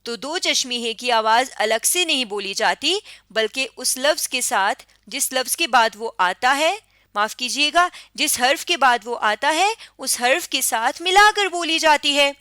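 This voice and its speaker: Slow, bright-voiced woman teaching Urdu. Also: sits high, expressive, no room sound, studio quality. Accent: Pakistani Urdu. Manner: patient, repeats and corrects herself. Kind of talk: slow explanatory lesson voice-over.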